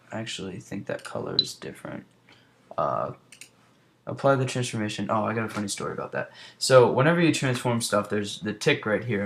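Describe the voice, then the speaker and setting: With a gravelly, lowish voice, a young man talks loosely through a screen-recorded design tutorial, rambling and muttering under his breath while working. A slight hiss or hum can be heard.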